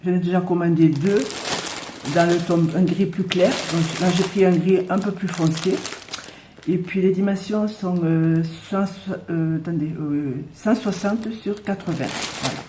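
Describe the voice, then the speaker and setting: A woman, unboxing her haul in a casual chat, pausing often with fillers and speaking a little loudly on purpose. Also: on the low side, roomy sound, slight background noise. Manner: hesitant, many filler pauses. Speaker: unboxing vlogger.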